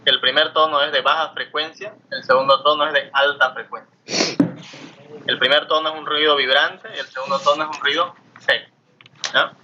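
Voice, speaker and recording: A man's voice: a little high, fairly even intonation, moderate pace. A man lecturing a class, explaining step by step and often asking his students questions. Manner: explanatory, asks students questions, frequent tag "¿no?". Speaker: teacher. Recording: muffled lo-fi mic with faint noise.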